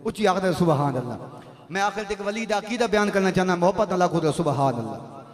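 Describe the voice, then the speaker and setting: A man's voice: sits high, lively intonation, fairly quick. A man preaching a fervent storytelling sermon, breaking into exclamations of praise to God. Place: madrasa prayer hall. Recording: echoey hall with long reverb.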